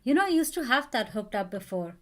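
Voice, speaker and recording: A woman's voice: a little high, big pitch swings, a little fast. A woman live-streaming a coding session, thinking aloud and chatting with viewers as she works.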